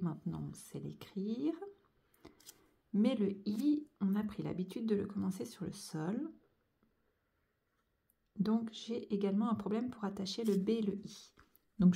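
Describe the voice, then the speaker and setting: A woman's voice: mid-range voice, creaky, mellow. A woman teaching young children to join cursive letters, going over each stroke and sound patiently, one step at a time. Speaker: handwriting teacher.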